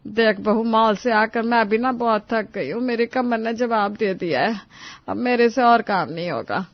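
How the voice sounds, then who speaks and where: A woman's voice: on the high side, normal speed, no echo, close to an everyday voice. A woman voicing a whiny, dramatic elderly mother-in-law in a cartoon, wailing and complaining. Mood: tired. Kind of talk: cartoon voice acting. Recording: dull dry studio voice-over.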